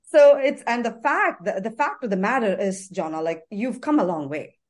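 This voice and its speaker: A woman's voice: a little high, expressive, normal speed. A woman therapist in a podcast conversation, talking earnestly and repeating phrases for emphasis.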